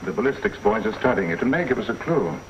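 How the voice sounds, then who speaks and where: An actor playing a shrewd police inspector in a 1950s TV crime drama, measured, dry and quietly probing. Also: male voice, lowish voice, very animated, a little hiss or hum. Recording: dull lo-fi 1950s TV soundtrack.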